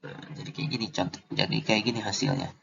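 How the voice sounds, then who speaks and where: A man teaching Quran recitation rules in a casual lesson, slow and deliberate, drawing out the recited examples. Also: fairly low pitch, steady tone, gravelly, highs cut off, background noise.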